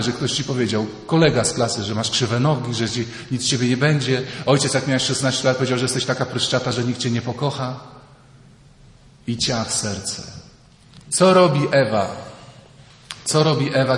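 A man, a priest, giving a lively retreat sermon, often acting out the people he quotes. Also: medium pitch, normal speed. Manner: animated, mimics voices in quoted dialogue. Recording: echoey hall, faint ambience.

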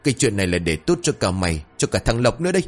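A man voicing an old village clan elder who speaks calmly and admonishingly. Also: on the low side, rapid-fire, faint music behind. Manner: calm, admonishing.

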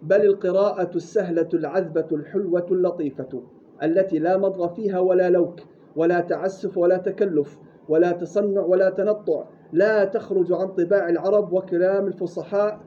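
A man teaching Quran recitation rules, demonstrating words slowly and correcting mistakes curtly. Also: high voice, steady tone. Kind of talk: tajweed lesson with drills and reading aloud. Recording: dull lo-fi recording with faint hiss.

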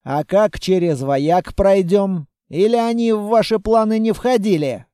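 A touchy male quartermaster in an audiobook grumbles and takes offense easily, as the male narrator puts him on. The voice is high and mellow and recorded close and dry, and he talks slightly louder than the narration. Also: unhurried, clear, resonant tone, no echo. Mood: grumbling. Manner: grumbling, indignant. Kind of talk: audiobook character voice.

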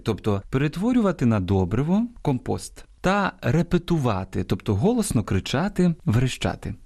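A man hosting an educational radio program on language, explaining words in a measured way and stressing each example. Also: mid-range voice, warm tone. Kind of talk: scripted educational radio talk.

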